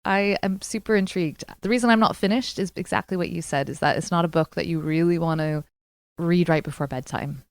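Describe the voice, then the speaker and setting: A woman co-hosts a book club podcast, talking casually and frankly about books with strong opinions. Her voice is on the low side, brisk and creaky, with no room sound.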